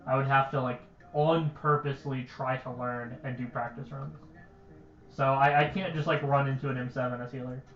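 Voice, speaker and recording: A man's voice: mid-range voice, little pitch movement, normal speed, a bit bright, echoey room, dull audio, slight background noise. A young man chatting casually on a game livestream, rambling and stuttering, with lots of "like" fillers. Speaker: game streamer.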